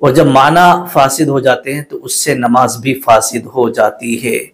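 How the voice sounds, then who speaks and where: A man's voice: medium pitch, fairly even intonation. A man teaching a religious lesson in polite, patient with a lilt. He corrects common mistakes and repeats words carefully. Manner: recites the Arabic prayer slowly in a melodic chant. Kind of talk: religious instruction to camera.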